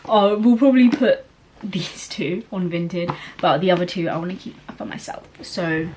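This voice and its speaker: A woman's voice: lowish voice, moderate pace, darkish tone, slight background noise. A young woman chatting casually about books as a vlogger, rambling along with lots of fillers and laughs. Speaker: book vlogger. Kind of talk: casual chat.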